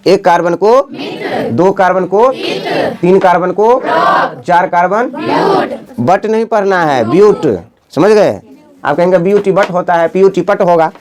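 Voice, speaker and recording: Higher-pitched male teacher, repetitive quizzing. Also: darkish tone. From India. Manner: repetitive, quizzing students with "समझ गए?"; spells words out slowly, chants lists. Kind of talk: classroom chemistry lesson.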